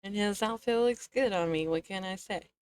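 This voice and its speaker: A woman's voice: medium pitch, moderate pace, clear, resonant tone, dry recording, studio quality. A woman streaming a game, sleepy and yawning as she chats casually with viewers, laughing often. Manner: relaxed, chatty, laughs often. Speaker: VTuber streamer.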